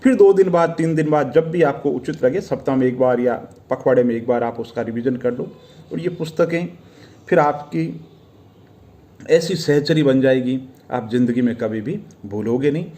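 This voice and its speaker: Brief: middle-aged male exam tutor, earnest and advising, mid-pitched voice. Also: normal speed, dark tone. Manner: earnest, advising, addresses viewers as friends, repeats tag questions. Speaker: exam preparation teacher. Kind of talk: motivational study-tips talk to camera.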